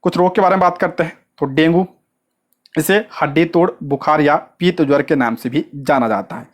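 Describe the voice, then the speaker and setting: A coaching teacher giving an exam-prep lecture, asking quick questions and answering them at once, with frequent short check-ins and repeated stress on key points. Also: medium pitch.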